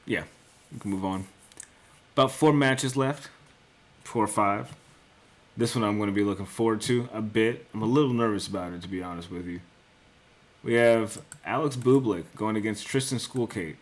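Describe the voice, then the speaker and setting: With a lowish voice at normal speed and frequent pauses, this young man hosts a loose solo show on sports betting picks. He thinks things through out loud, corrects himself, swears here and there, and keeps saying "dude" and "bro."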